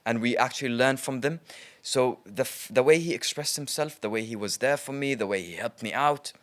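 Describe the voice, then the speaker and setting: A man, a trader guest, telling stories in a casual interview in a chatty, lively way, with frequent ums. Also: medium pitch, fairly quick.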